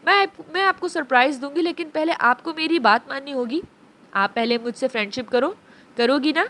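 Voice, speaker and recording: A woman's voice: sits high, moderate pace. A woman voicing a tender young stepmother. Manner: soft, tender, soothing. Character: gentle young woman, loving new stepmother.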